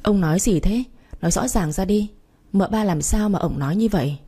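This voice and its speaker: A woman's voice: mid-range voice, a little fast, dark tone, breathy edge, lightly acted. Woman voicing a tearful elder co-wife. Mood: anxious. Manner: tearful, indignant.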